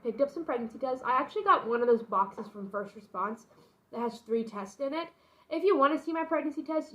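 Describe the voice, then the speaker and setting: A woman's voice: a little high, a bit bright, poor audio. A young adult woman vlogging casually about her pregnancy announcement, telling the story in a rambling, informal way with frequent asides. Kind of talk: casual personal storytelling to camera.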